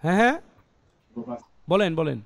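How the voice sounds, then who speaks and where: A man's voice: high-pitched, lively intonation, normal speed, vocal fry. A man with a Bangladeshi Bengali accent teaching English pronunciation in a live online class, quizzing students and sounding words out letter by letter.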